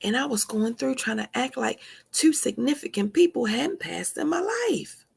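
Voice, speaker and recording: A woman's voice: fairly high pitch, animated, normal speed, vocal fry, breathy edge. A woman in her forties hosting a live stream, giving a heartfelt motivational talk with earnest, repeated, preacher-like emphasis. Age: 40s.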